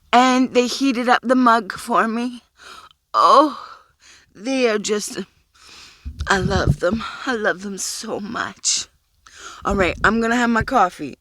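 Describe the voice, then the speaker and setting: A woman's voice: mid-range voice, fairly bright tone, no room sound. A sleep-deprived woman vlogging from inside a car, giggly and rambling as she talks to herself. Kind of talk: casual vlog talk.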